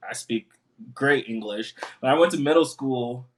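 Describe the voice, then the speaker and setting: A man's voice: medium pitch, moderate pace, slight background noise. A young man from Africa, a podcast co-host, chatting casually and laughing often with friends. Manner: laid-back, laughs often. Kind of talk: casual chat.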